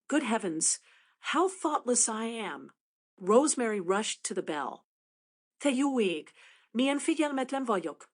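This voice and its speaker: A woman voicing a kind, impulsive wealthy young lady who speaks eagerly and comfortingly, a little briskly, in a storybook reading. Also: a little high, sing-song. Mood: flustered.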